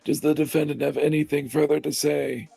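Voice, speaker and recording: A pompous elderly judge , as a man puts him on while reading a game aloud. The voice is heavily gravelly and husky, with a dark, mellow tone. He speaks slowly and formally, as if holding court. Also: on the high side, flat delivery, dry recording, faint music behind, heavily acted. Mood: solemn. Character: elderly male judge and veteran lawyer.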